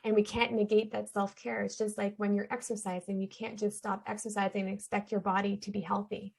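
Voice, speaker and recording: Speaking a bit briskly with a level tone, this woman has a mid-range, darkish voice that's slightly rough and shows vocal fry. She's a Canadian shaman and energy healer, a guest on an interview podcast, talking earnestly and conversationally about her spiritual healing work. The recording quality is low.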